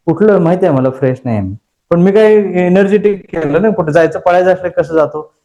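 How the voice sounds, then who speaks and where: Emphatic high-voiced male trainer. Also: expressive, brisk, warm tone, muffled recording. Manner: emphatic, asks the room frequent rhetorical questions; tells personal stories with dramatized inner voices. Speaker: course trainer. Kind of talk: motivational lecture to a class.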